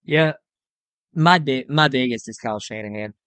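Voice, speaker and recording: A man's voice: mid-range voice, normal speed, a bit bright, clean tone, dry recording. A young man on a sports podcast who makes his case step by step and keeps checking in with "okay?". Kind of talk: casual sports chat.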